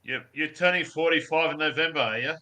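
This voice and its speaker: Brief: man in his forties, bright and sharp tone, chatty and correcting. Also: a little high, a little fast. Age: 40s. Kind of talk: casual chat.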